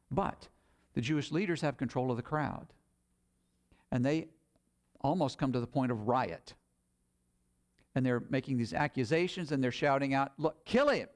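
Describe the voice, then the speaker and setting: A man preaching a sermon, retelling scripture in plain, conversational paraphrase. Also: medium pitch.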